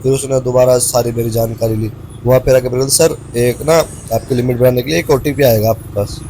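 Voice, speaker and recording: A motovlogger from Haryana, India, chats with viewers while riding his motorbike on the road, telling stories casually and calling them "brother" in a slangy Hindi-English mix. His mid-range voice is warm, fairly even in intonation, and a little fast. Road and engine noise come through clearly, along with vehicle sounds and outdoor ambience.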